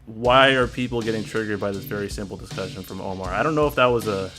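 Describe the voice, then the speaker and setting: A man's voice: on the low side, quick pace, music in the background. A man hosting a casual livestream chat, rambling and reading out viewer messages. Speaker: stream host.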